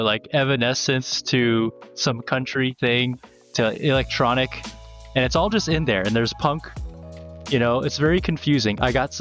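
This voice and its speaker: Guest spot: relaxed man from Florida, average pitch, loose conversational delivery. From United States (Florida). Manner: easygoing, laughs often, rambling with restarts. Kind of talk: casual conversation.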